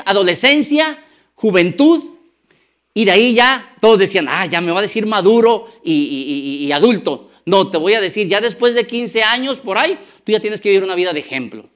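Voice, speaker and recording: A man with a Mexican accent, a pastor preaching a conversational sermon with slang and quick restarts. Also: high voice, a bit bright.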